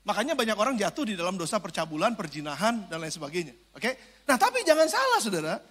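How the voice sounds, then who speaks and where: A high, bright-voiced male pastor preaches in an animated, joking way. He drops from loud preaching into low asides, and his voice rings out with the long echo of a large church hall. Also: fast talker, husky. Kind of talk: sermon.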